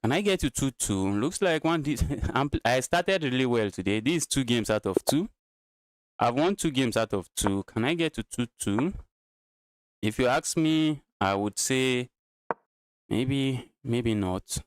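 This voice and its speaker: A man's voice: mid-range voice, expressive, measured pace, dry recording, studio quality. A Nigerian man streaming live chess, thinking his moves aloud and repeating his phrases as he goes. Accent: Nigerian English.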